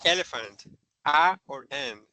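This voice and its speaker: A man's voice: on the high side, animated, takes it slowly, pushed and bright. A man teaching an English grammar lesson, patiently repeating and spelling out examples.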